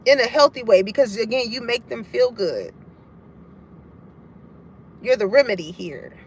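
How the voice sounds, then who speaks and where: A woman's voice: a little high, animated, a little slow, slight background noise. A woman giving a casual tarot reading to her collective audience, frank and profane, laughing often as she talks. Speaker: tarot card reader.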